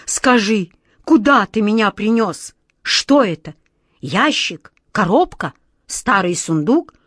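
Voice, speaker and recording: A woman's voice: medium pitch, animated, a bit bright, breathy edge, no room sound, clean studio sound, exaggerated voice. A woman voicing a frightened, whiny male genie who pleads in a trembling voice, for an audiobook. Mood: pleading, fearful. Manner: trembling, pleading, slow drawn-out wails. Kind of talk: audiobook reading.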